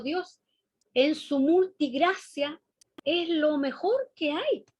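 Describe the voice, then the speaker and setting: A woman's voice: high voice, a little mellow, no echo, highs cut off. A woman with a Chilean accent preaching a sermon in a conversational way, often asking the congregation questions. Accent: Chilean Spanish.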